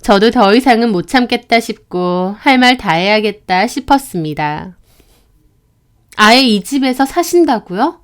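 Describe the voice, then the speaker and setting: A woman's voice: a little high, expressive, unhurried. A woman narrating a first-person family story in a firm, composed manner. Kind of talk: first-person story reading with acted dialogue.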